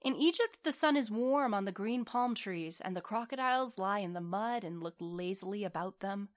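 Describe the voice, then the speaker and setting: A woman's voice: mid-range voice, expressive, normal speed, natural voice. A woman voicing a small, kind-hearted, devoted male swallow in a storybook, speaking earnestly and tenderly. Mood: tender, wistful. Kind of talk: storybook character voice.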